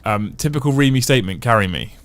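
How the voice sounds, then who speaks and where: He talks fast, with a medium pitch and lively intonation, as he hosts a laid-back livestream and reads comments from viewers. Chatty and thinking aloud at length, he often restarts and repeats himself.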